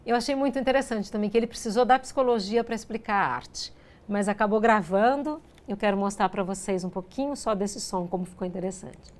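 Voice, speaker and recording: A woman's voice: medium pitch, a little fast, a little mellow. A woman artist giving a talk to educators with a Brazilian Portuguese accent, conversational, acting out dialogue and often adding tag questions. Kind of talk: lecture with anecdotes.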